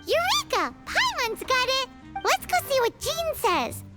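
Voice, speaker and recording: A tiny, cheeky fairy companion from a video game. The voice is squeaky, childlike and extremely high. It bounces around in pitch with excitable exclamations. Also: female voice, unhurried, music in the background, full character voice. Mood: excited, eager. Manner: refers to self in third person, exclamatory. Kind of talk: animated video game voice acting.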